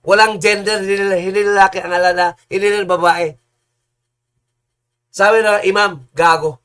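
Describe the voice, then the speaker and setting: A man preaching in a heated, combative rant, repeating himself and bursting into loud insults. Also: high-pitched, steady tone, moderate pace, clean tone.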